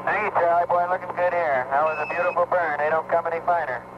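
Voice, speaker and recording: A man's voice: fairly high pitch, steady tone, quick pace. A man calling out terse, clipped readings over a crackling, breaking-up air-to-ground space radio link. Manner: clipped, businesslike call-outs of numbers. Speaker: mission control radio communicator. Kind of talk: terse radio procedure talk. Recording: muffled archival radio link with loud static.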